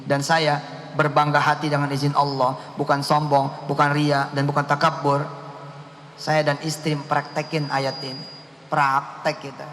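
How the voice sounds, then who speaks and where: A male preacher jokes and teases his listeners in slang. His voice sits high and sounds bright. The recording carries the long reverb of a hall and a faint hiss. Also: monotone, unhurried. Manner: playful, teasing, mixes slang and Quran recitation. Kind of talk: joking sermon.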